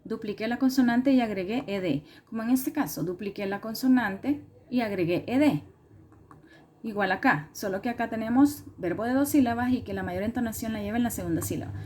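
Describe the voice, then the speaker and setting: A woman's voice: fairly high pitch, a little fast, darkish tone. A woman teacher explaining grammar rules step by step, patiently repeating herself and correcting small slips as she goes. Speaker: English teacher. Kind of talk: recorded classroom lesson explanation.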